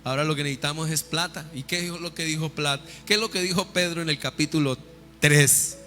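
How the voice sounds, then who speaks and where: A male pastor preaching a sermon with call-and-response questions, building to loud fervent peaks. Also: a little high, a little fast. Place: church sanctuary. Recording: reverberant church hall with faint music.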